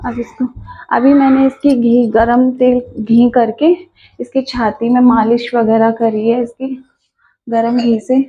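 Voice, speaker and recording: A woman's voice: a little high, flat delivery, slow pace, breathy edge, phone-quality sound. Weary mother vlogging at home. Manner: weary, soothing a sick child. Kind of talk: casual home vlog. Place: home kitchen.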